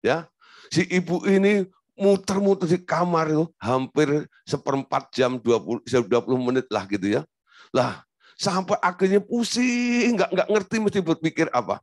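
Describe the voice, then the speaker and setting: A man's voice: a little high, normal speed, no echo, clean studio sound. A male pastor preaching a sermon, telling a story, acting out quotes and asking the congregation rhetorical questions.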